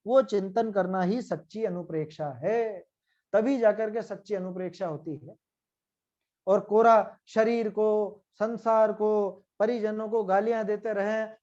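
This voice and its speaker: A man's voice: high voice, darkish tone. Man explaining scripture, dull lo-fi sound. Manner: questioning, checks in with listeners often. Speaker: scripture teacher.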